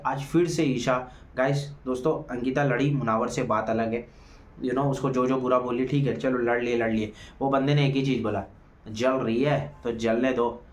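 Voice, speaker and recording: A man giving a heated, mocking review of a reality show episode, talking straight to his viewers. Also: medium pitch. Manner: heated, mocking, addresses viewers as guys and friends. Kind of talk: opinionated show review commentary. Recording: echoey room.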